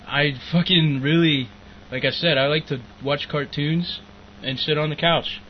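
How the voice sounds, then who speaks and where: A man's voice: a little high, fairly even intonation, measured pace. A young man co-hosting a podcast in crude, profane casual chat, rambling and laughing often. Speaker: podcast co-host. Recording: muffled lo-fi with faint noise.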